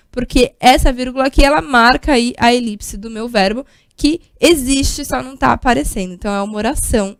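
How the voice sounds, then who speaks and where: A woman's voice: high-pitched, no echo, clean studio sound. A Brazilian woman teaching a recorded grammar lesson over slides, explaining step by step and checking in often with short tag questions. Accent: Brazilian Portuguese.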